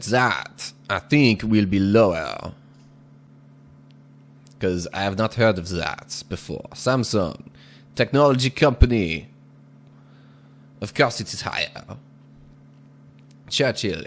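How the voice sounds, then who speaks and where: An expressive man with a fairly low voice gives casual commentary on gameplay as a gaming video host. He speaks in a deliberately measured way, using an exaggerated fake foreign accent and chuckling now and then.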